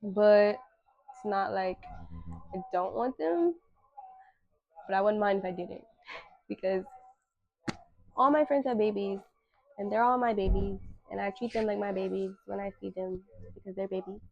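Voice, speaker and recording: A woman's voice: medium pitch, moderate pace, vocal fry, long pauses, dry recording, highs cut off. A woman in her twenties hosting a casual solo talk, candid and slangy, with emphatic repetition. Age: 20s. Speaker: podcast host.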